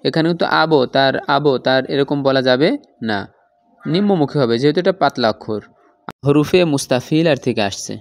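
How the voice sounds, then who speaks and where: A man's voice: mid-range voice, expressive, dry recording. A man teaching Quran recitation rules, explaining step by step and repeating every example several times. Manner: slow, patient, repeats each example. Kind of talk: tajweed lesson.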